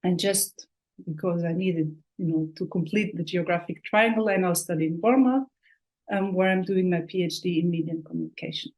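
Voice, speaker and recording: A woman's voice: on the low side, a little fast, a little mellow, rough recording. Thoughtful woman researcher giving a talk. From Austria. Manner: thoughtful, with frequent fillers and restarts. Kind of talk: prepared online talk.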